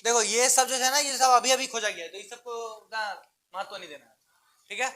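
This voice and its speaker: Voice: medium pitch, fairly even intonation, brisk, pushed and bright. A chemistry teacher in a classroom, drilling students with chanted mnemonics and repeated questions, chatty and teasing. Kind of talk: classroom lecture. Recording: classroom with students talking in the background.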